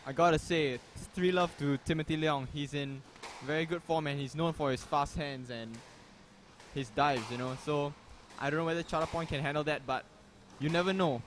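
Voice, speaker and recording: A young man giving relaxed, chatty live commentary on a squash match. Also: on the high side, moderate pace, slight background noise. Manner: relaxed, chatty, says "man" and "you never know". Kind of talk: casual live sports commentary.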